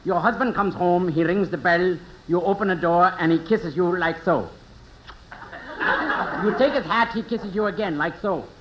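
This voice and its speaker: An actor playing a pompous, bossy German film director with a German accent and a theatrical manner, in old radio comedy style. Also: male voice, sits high, normal speed, lightly acted. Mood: amorous, directing. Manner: imperious, theatrical. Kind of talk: 1950s radio comedy acting. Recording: dull, noisy old radio broadcast.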